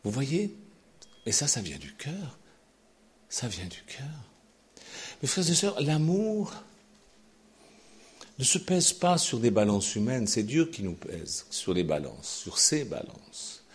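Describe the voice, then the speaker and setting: A man preaching a sermon in an animated way, swinging from loud exclamations to near-whispers. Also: medium pitch, slow pace, slightly rough.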